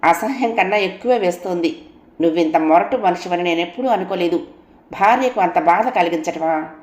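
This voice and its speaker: A woman's voice: on the low side, fairly quick, darkish tone, roomy sound, lightly acted. A woman voicing an indignant elder brother who scolds his sister's husband reproachfully. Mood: scolding.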